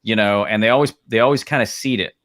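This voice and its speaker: A man's voice: lowish voice, quick pace, fairly bright tone. Rambling man co-hosting a streaming show. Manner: rambling, many restarts and fillers. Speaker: live streaming co-host. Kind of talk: casual chat.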